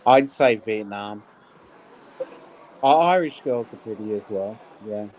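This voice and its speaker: A man chatting easily in a group video call, agreeable and relaxed. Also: on the low side, takes it slowly, highs cut off, slight background noise. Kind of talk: casual group video chat.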